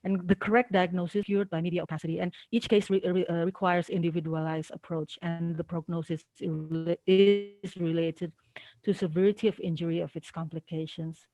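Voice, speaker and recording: Give me a woman doctor presenting a case at an online conference, hesitant and halting with many fillers, her voice choppy from a bad video-call connection. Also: on the low side, little pitch movement, dark tone, no room sound, soft background music, low-quality recording. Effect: choppy, dropping video-call connection.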